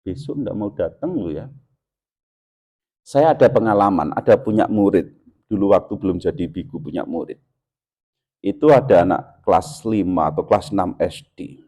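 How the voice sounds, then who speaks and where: Mellow-voiced monk telling folksy anecdotes. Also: male voice, moderate pace, pauses often. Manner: folksy, acts out little dialogues, shifts into high mock-scolding voices. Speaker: Buddhist monk giving a dharma talk. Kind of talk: sermon.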